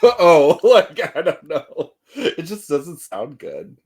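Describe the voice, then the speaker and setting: A man's voice: a little high, huge pitch swings, slow, a little mellow, husky. A man co-hosting a podcast, chatting casually in a rambling, self-deprecating way and laughing often. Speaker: podcast co-host. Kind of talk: casual chat.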